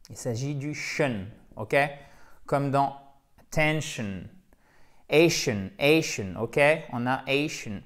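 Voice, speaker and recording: Man, phonetics teacher, patient step-by-step explaining, middle pitch. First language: French. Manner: explains step by step, repeats English words slowly. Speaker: English teacher. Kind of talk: phonetics lesson.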